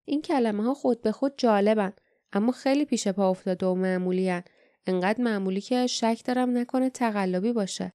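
A woman's voice: mellow, dry recording, studio quality, lightly acted. Woman reading a wary, murmuring young man. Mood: doubtful. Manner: low, murmuring, doubtful.

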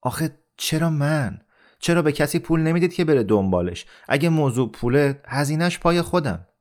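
A man doing a young man protesting, pitch raised. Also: expressive, a little mellow, lightly acted.

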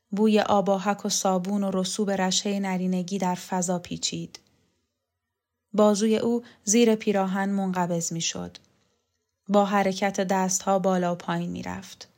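Woman calmly narrating a novel. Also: mid-range voice. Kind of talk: scripted audiobook narration of a novel.

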